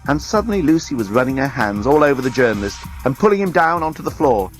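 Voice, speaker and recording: A man reading a science fiction story aloud as a storyteller, expressive and dramatic. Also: mid-range voice, fast, faint music behind. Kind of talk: read-aloud story narration.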